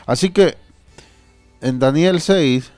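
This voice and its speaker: A man's voice: a little high, slow pace, a little mellow, smooth, dry recording, faint music behind. A man preaching a sermon and reading scripture aloud, earnest and repeating phrases for emphasis.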